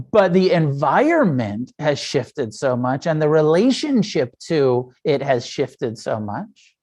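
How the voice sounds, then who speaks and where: Frank, profane middle-aged meditation teacher. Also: male voice, a little high, very animated, takes it slowly, a little mellow. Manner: frank and profane, with frequent fillers and self-restarts. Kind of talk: casual dharma talk.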